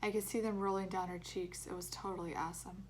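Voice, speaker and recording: A woman teacher reading a chapter book aloud to her third-grade class, with expressive storytelling. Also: on the low side, quick pace, slight background noise. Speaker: elementary school teacher. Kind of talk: reading a children's novel aloud.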